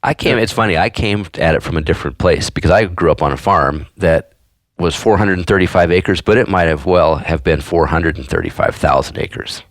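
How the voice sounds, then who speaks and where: Low-voiced man with a Missouri accent. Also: fairly quick, no room sound. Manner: articulate and emphatic. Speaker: guest editor. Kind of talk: casual conversation.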